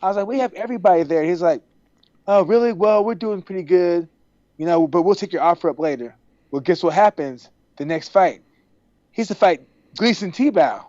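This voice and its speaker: A man from Texas, a podcast guest on a video call, telling stories in a casual, animated way and acting out the dialogue. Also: high-pitched, normal speed, no echo. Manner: animated, acts out quoted dialogue. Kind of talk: casual storytelling. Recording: dry, dull video-call audio.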